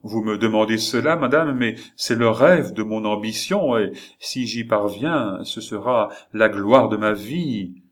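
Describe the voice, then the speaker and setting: A man's voice: fairly low pitch, steady tone, measured pace, natural voice. A man reading the part of a proud, devoted nobleman, speaking in an earnest, formal way as part of an audiobook of a novel. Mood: solemn. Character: proud devoted nobleman, middle-aged, cold in anger.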